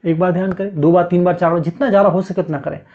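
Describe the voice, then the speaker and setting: A man's voice: sits high, fairly even intonation, very fast. Guy walking you through meditation, keeps saying "okay" between steps, kinda dull muffled audio. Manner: repetitive, coaxing, frequent "theek hai" check-ins. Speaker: meditation teacher. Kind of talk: guided meditation instruction. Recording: dull lo-fi sound.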